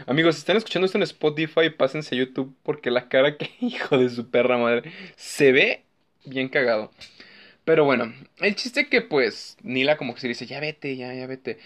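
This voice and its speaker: A young man with a Mexican accent, recapping a movie scene in a casual, animated way, swearing often and laughing. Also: medium pitch, moderate pace. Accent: Mexican Spanish. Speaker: podcast host.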